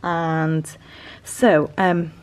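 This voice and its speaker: A British woman with a fairly low voice talks through a haul in a casual vlog style. Her delivery is hesitant and rambling, like an informal reseller commentary. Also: level tone, very slow, a little mellow. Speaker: reseller vlogger.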